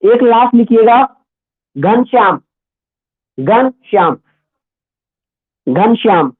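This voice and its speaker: A man teaching a Hindi grammar class, slowly dictating words and repeating each one for students to write. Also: sits high, animated, husky. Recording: tinny phone-like sound.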